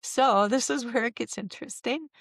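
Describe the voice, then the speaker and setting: A middle-aged woman with a gravelly, fry-touched voice tells a personal story in a relaxed interview. She is animated, breaking into the voices of the people she quotes. The recording is close and dry. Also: on the high side, normal speed, no room sound. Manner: animated, acts out quoted voices, laughs often. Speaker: interview guest.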